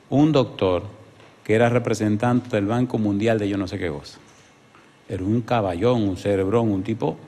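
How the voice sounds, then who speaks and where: A man's voice: fairly low pitch, warm tone, in a large hall. A man with a Dominican accent preaching a sermon, telling a story and putting questions to the congregation. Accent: Dominican Spanish. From Dominican Republic. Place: church hall.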